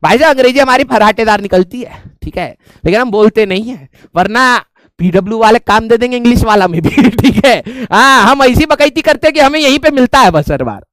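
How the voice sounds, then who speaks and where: A man's voice: very high voice, expressive, brisk, a bit bright, no room sound. A man with an Indian accent teaching an online physics class in mixed Hindi and English. He jokes with the students and keeps checking in with them. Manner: chatty and joking, checks in with students often.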